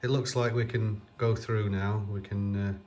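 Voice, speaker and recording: A man with a lowish, darkish voice and little pitch movement talks at normal speed off camera while working on an old computer. This computer restoration vlogger's casual commentary is hesitant and full of fillers, as if he's thinking aloud.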